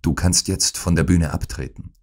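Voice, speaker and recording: A man voicing a gravely ill detective who whispers weakly but gives urgent, commanding orders. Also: low voice, fairly even intonation, moderate pace, a little mellow. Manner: weak, breathy, urgent orders. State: feverish and dying. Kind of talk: audiobook acting.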